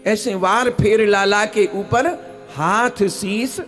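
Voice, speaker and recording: A high-voiced man with a Braj accent tells a devotional story, sliding between slow spoken narration and sung, chanted verses. He speaks in a lively, sing-song way at an unhurried pace. Tabla and music play faintly behind him. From Braj region, India. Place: religious festival gathering.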